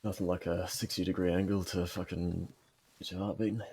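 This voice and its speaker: A man's voice: low-pitched, little pitch movement, brisk, a little mellow, a little hiss or hum. A young man with an Australian accent chatting casually over game comms, laid-back and swearing offhandedly. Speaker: streamer playing a military sim game. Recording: game gunfire behind voice. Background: gunfire and clicks from the game.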